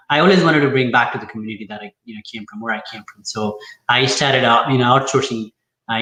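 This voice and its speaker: A man from Nepal speaks in a bright voice, pausing often on fillers as he talks through his work. The echoey room rings around his words. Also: mid-range voice. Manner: hesitant, lots of fillers and restarts. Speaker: guest, accountant. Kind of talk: casual interview talk.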